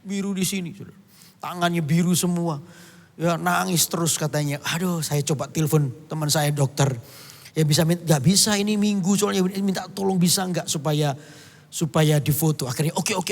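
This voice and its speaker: High-voiced storytelling pastor man. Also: fairly even intonation, a little fast, long reverb tail. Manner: storytelling, bursts into song and shouts. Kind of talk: sermon.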